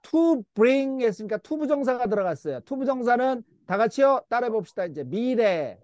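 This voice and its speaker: In a church English Bible lesson, a man with a high, animated voice stretches out words and has the class repeat them in call-and-response drills. He sounds patient and coaxing at normal speed, recorded close and dry with no room echo.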